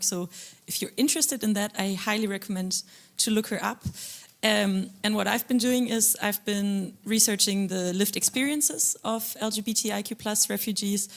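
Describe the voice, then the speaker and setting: A woman researcher speaks on a panel in a measured, articulate way. Her voice has a lot of fry. Her pitch sits in an ordinary middle range. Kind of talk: panel discussion.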